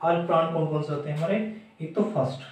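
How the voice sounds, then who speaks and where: A man teaching a blackboard grammar lesson, slowly repeating and sounding out letters aloud, in a classroom. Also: on the high side, fairly even intonation, far from the mic, slight background noise. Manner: slow, repetitive, demonstrating sounds aloud. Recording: echoey room, voice from the mic.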